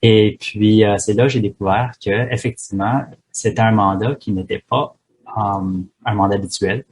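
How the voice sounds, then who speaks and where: A man's voice: fairly low pitch, fairly even intonation, moderate pace, darkish tone, slightly rough. A man, a pharmacist guest speaking in a hesitant way with many fillers and restarts. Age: 30s. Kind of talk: casual interview talk.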